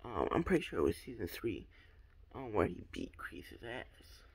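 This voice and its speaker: Gravelly young guy rambling with ums. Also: lowish voice, big pitch swings, moderate pace. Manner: hesitant, many ums and restarts. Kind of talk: rambling fan theory talk.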